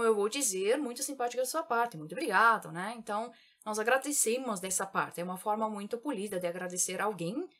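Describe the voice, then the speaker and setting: Woman teaching vocabulary with slow repetitions. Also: a little high, a bit bright. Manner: slow, careful repetition of example phrases. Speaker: German teacher. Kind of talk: vocabulary lesson.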